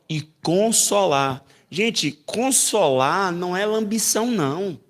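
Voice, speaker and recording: A man from Brazil teaching a Bible class in a church as pastor, animated and acting out voices. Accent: Brazilian Portuguese. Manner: animated, acts out voices with big pitch jumps. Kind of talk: sermon-style Bible lesson.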